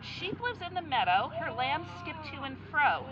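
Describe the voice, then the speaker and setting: A woman reading a picture book aloud to children outdoors at a farm, animated and coaxing them to make animal sounds. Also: sits high, normal speed. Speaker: storyteller at a petting zoo. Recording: dull lo-fi sound with a loud crowd of children.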